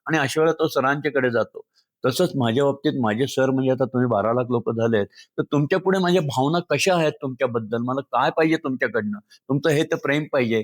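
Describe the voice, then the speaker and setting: A man's voice: a little high, dry recording. A man from Maharashtra speaking earnestly and with feeling to his followers as friends, sharing thoughts and reciting a poem. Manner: earnest, emotional, speaks directly to listeners as friends. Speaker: speaker addressing social media followers. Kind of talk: heartfelt talk with poem recitation.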